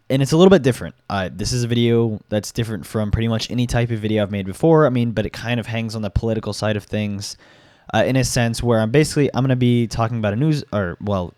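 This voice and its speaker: This clean, echo-free studio clip features a young man who sounds stuffed up after being sick. He talks casually about gaming and reads from an article, wandering through fillers and false starts. His voice is on the low side, darkish, clear and resonant.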